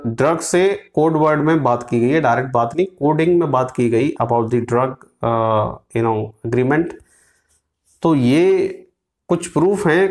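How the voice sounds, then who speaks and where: A man's voice: medium pitch, darkish tone. A man in his thirties from India, delivering opinionated news commentary to camera in a small indoor room, moralizing and fiery, mixing English phrases in with frequent fillers.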